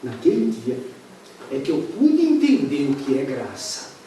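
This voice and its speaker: A man's voice: mid-range voice, huge pitch swings, unhurried, dark tone, slight background noise. A man voicing an elderly male preacher who speaks earnestly to a church. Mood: solemn. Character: elderly male preacher, grieving but steady. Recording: very echoey church hall, mic far off.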